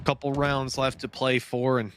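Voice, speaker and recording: A man giving excitable play-by-play commentary on an esports match. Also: moderate pace. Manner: excitable, pitch climbs sharply in big moments. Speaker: esports caster. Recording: broadcast with game noise behind.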